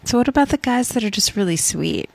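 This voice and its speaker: A woman's voice: mid-range voice, animated, fast, creaky, darkish tone. A woman co-hosting a casual entertainment podcast, teasing her partner with short replies. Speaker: podcast co-host. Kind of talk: casual chat.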